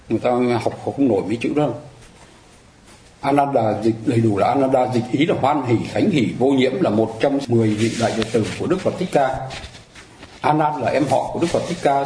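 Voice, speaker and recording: Male dharma teacher, warm low tone, conversational lecture in a roomy space with faint background noise. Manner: conversational, asks listeners rhetorical questions.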